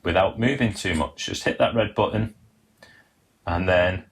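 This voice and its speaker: Husky low-voiced man teaching. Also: measured pace. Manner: chatty, explains step by step, reads out comments. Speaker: animation workshop host. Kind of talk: live-stream teaching demo.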